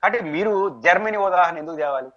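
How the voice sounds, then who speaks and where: A man's voice: high voice, fast talker, a bit bright. A man with a Telugu accent answering as a political analyst in an interview, arguing his points with rhetorical questions. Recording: dull lo-fi recording.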